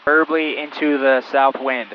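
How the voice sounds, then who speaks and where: A male flight instructor on a cockpit headset intercom, calmly talking a student pilot through each step in flight. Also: medium pitch, moderate pace, dull audio, a little hiss or hum. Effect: heard over a cockpit headset intercom. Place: small plane cockpit in flight.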